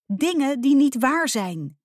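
A woman voicing an upset schoolgirl close to tears, talking in a high, shaky voice in a storybook reading. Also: very animated, normal speed, no echo. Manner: shaky, tearful, high-pitched.

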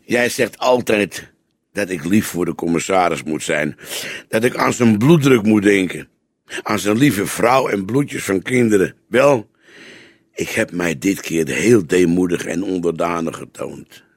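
Veteran grey police detective, read by a man, dry teasing manner, husky voice, lively pitch. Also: a little slow, no echo, heavily acted. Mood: wry. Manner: dry, patient, lecturing.

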